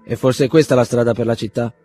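A man's voice: mid-range voice, steady tone, brisk, mellow, soft background music, close to an everyday voice. A man voicing a blunt, impatient young man who talks brusquely and commandingly in an audiobook reading.

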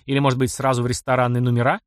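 A man's voice: medium pitch, level tone, very fast, no echo, clean studio sound, natural voice. A man voicing a grumpy, sarcastic middle-aged army major who grumbles snidely.

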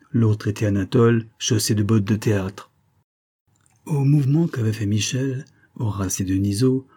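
Low, husky male audiobook narrator. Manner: steady, measured storytelling. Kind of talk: scripted literary narration.

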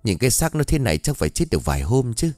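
A man's voice: mid-range voice, sing-song, rapid-fire, a little mellow, no room sound, soft background music, close to an everyday voice. A man voicing an uneasy young village man.

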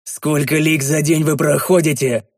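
Brief: man playing gruff storybook leader, barking orders, stern. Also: medium pitch, brisk, darkish tone, no echo, studio quality, close to an everyday voice. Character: gruff male leader, quick-tempered then easing.

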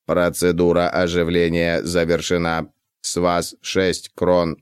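A man voicing a rickety patchwork robot with a metallic, grating voice and flat, mechanical delivery. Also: deep voice, clear, resonant tone, dry recording, studio quality, pitched below the performer's own voice. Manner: slow, flat, mechanical repetition. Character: rickety patchwork robot automaton, male, mournful. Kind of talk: audiobook character voice.

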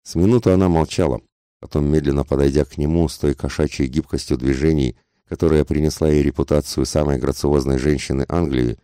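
Audiobook narrator, man, extremely deep voice, dark tone, measured dramatic reading. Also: steady tone, no room sound, studio quality.

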